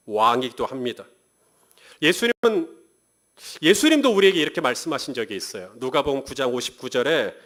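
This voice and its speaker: A male pastor preaching a sermon, speaking conversationally, asking the congregation rhetorical questions and reading scripture aloud slowly. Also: medium pitch, fairly bright tone. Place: church sanctuary.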